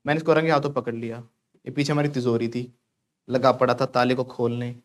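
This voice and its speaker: A man with a medium-pitched voice delivers his lines flatly and briskly. He's from India and runs a Hindi-language spoken English class, where he jokes and pushes students to repeat English phrases after him.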